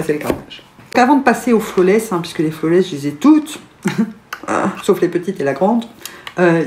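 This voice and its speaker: A woman's voice: on the low side, darkish tone. A woman with a French accent chatting casually as a beauty vlogger, gushing and laughing often. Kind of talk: casual chat. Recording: echoey room, faint noise.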